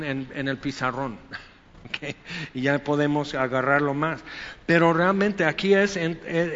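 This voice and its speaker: A man preaching a Sunday sermon in a conversational, animated way, often acting out quoted voices. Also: a little high. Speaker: pastor. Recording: echoey hall, dull lo-fi sound.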